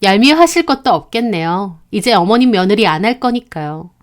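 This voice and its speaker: A woman's voice: mid-range voice, animated, fairly quick. A woman narrating a first-person family story in a firm, composed manner. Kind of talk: first-person story reading with acted dialogue.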